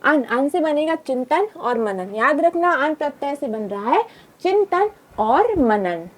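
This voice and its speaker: A woman's voice: high-pitched, animated, normal speed. A young woman teaching a grammar lesson, repeating examples and quizzing the viewer with reminders. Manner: repetitive, drilling with reminders and quiz questions.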